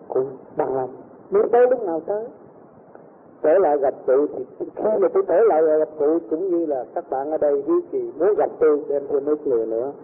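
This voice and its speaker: A man with a somewhat high voice tells a personal story to a gathering and keeps drifting into the voices of its characters. The sound is thin and phone-like. A faint hiss of noise sits underneath. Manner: rambling, acts out the voices of people in his story. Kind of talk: spoken personal anecdote. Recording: tinny lo-fi recording with faint noise.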